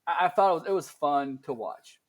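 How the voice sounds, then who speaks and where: A man's voice: a little high, animated, fairly quick. A man co-hosting a casual podcast, wry and self-deprecating, hesitating with many ums. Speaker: podcast co-host.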